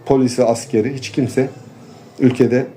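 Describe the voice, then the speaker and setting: Mellow-voiced man in a street interview. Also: medium pitch, flat delivery, a little hiss or hum. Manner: earnest, complaining, halting with fillers. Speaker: interviewee, farmer and local official.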